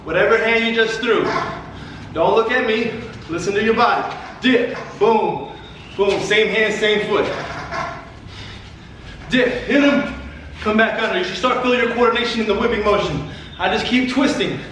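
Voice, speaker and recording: High voiced guy boxing coach calling out combos, short punchy cues, really echoey and far from the mic. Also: moderate pace. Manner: short barked cues and encouragement while exercising. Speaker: boxing fitness coach leading a workout. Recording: echoey room, distant mic, background noise.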